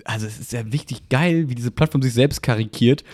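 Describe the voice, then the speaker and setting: A man hosting a casual podcast chat, telling a story with energy. His voice sits in an ordinary middle pitch. He acts out what others said as he goes. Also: fairly quick. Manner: animated anecdote telling, acting out quoted dialogue. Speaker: podcast host.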